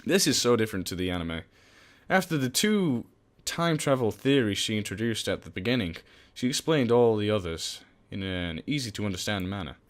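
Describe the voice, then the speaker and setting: Game music runs under this let's player's voice, which is on the low side, animated, and moderately paced. He chats casually about the gameplay, reads the on-screen text aloud, and drops in profane, jokey remarks.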